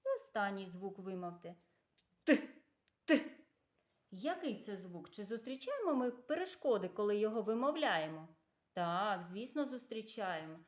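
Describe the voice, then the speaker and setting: A woman teaching a preschool lesson on letter sounds, speaking slowly and clearly to children. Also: medium pitch, animated. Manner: slow, clear, patient, addressing children. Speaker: kindergarten teacher.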